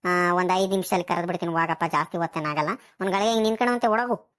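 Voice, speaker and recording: A woman's voice: fairly low pitch, rapid-fire, a bit bright, natural voice. A woman voicing a fussy, worried old village grandmother. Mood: fussing. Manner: coaxing, worried.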